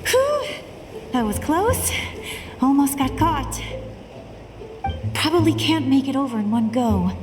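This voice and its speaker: A woman's voice: sits high, lively intonation, takes it slowly, pauses often. A woman voicing a plucky, eager young girl sneaking past guards in a video game. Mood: excited. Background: game music.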